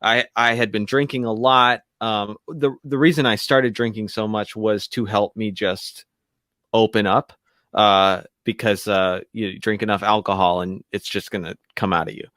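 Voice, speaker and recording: A man who is a radio show guest, telling a personal story in a halting, candid way with many restarts. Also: lowish voice, fairly even intonation, a bit bright, dry recording, studio quality.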